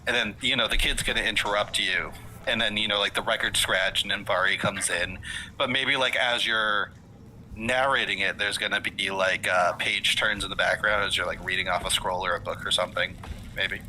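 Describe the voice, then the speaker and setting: Bright-voiced male game master rambling. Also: on the low side, fairly even intonation, moderate pace, a little hiss or hum, low-quality recording. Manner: rambling, lots of fillers and self-corrections. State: hiccuping. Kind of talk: casual session-zero chat with players.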